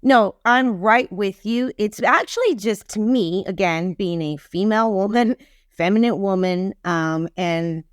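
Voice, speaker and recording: A relationship expert in her fifties appears as a podcast guest, sharing opinions emphatically and casually and repeating phrases for stress. Her medium-pitched voice is clear and resonant, a little slow. The recording is studio quality with no room sound.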